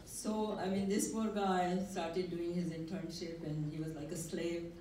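An older woman at a workshop shares a personal story conversationally, hesitating and using fillers, into a handheld mic in a community room. Her voice is lowish and mellow, with little pitch movement and a measured pace. The room is echoey and noisy, and the mic is held at a distance.

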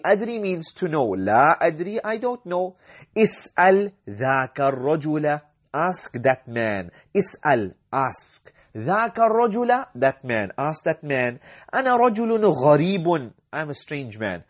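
A man teaching an Arabic lesson. He reads each sentence, translates it, and explains the grammar, repeating words with care. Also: on the high side. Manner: slow, careful delivery that repeats each word. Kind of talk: language lesson.

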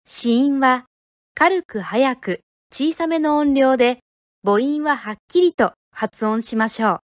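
A woman from Japan teaching pronunciation, speaking clearly and deliberately and modeling each syllable one at a time. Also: high voice, animated, dry recording, studio quality. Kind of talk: slow, careful teaching of pronunciation.

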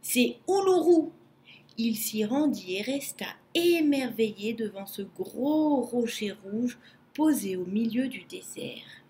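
Slow, expressive woman reading a storybook. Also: fairly high pitch. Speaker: narrator. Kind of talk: children's storybook narration.

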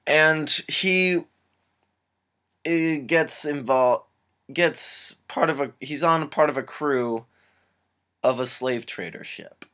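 A man's voice: a little high, takes it slowly, pauses often, a bit bright. A young man reviewing a film casually, rambling and sarcastic with many restarts.

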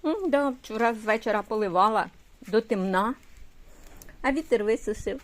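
Cooing older woman, lively sing-song. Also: a little high, moderate pace. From Ukraine. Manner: sing-song baby talk, cooing and coaxing. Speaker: vlogger great-grandmother. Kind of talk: home vlog, talking to a toddler and a dog. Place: outdoors in a windy yard. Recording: loud wind and outdoor noise.

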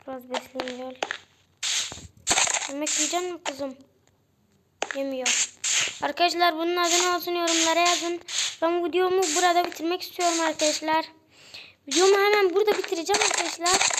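A high-pitched young girl chats her way through a game for her channel, calling out to her viewers every few words. Loud noise runs under her voice the whole time. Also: little pitch movement, moderate pace, long pauses. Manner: chatty, addresses viewers as friends constantly. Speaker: gaming channel host. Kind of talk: casual game commentary.

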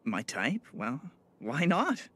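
A man voicing an excitable, earnest young guitarist, animated, in an English anime dub. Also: mid-range voice, takes it slowly, slightly rough, heavily acted. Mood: eager.

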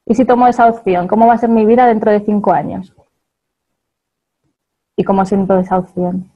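A woman's voice: mid-range voice, fairly even intonation, moderate pace, highs cut off. A woman with a Spain Spanish accent giving a chatty motivational talk to an audience, laughing often and checking in with her listeners.

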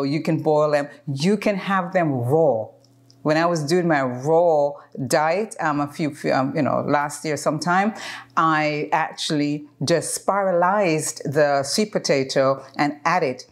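Woman in her fifties, low voice, chatty cooking host, home kitchen, frequent ums. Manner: chatty, explains as she works, frequent ums. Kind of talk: casual cooking demonstration.

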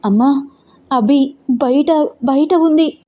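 A woman's voice: high-pitched, slow, dull audio, voice pushed up. A woman voicing a frightened teenage elder sister who speaks with a trembling, shaky voice.

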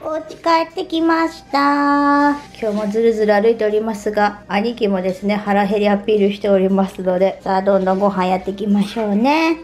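A woman chatting casually to her viewers in a relaxed running commentary as a lifestyle vlogger. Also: medium pitch, fast talker, hardly any pauses, faint music behind. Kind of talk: casual vlog chat.

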